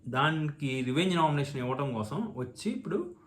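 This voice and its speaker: A man reviews a reality show in casual commentary. His voice sits somewhat high. He retells the arguments in an animated, opinionated way and adds mocking asides. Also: brisk, a little hiss or hum.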